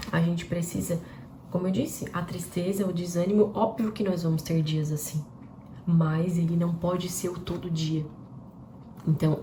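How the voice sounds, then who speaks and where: A woman's voice: on the low side, dark tone. A woman giving a devotional live-stream talk, asking her viewers rhetorical questions in a conversational way. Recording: roomy with faint background noise.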